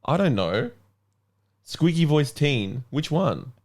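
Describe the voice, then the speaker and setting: A man's voice: on the high side, sing-song, slow pace, darkish tone. A man co-hosting a podcast in loose, joking banter. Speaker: podcast co-host. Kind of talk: casual podcast chat.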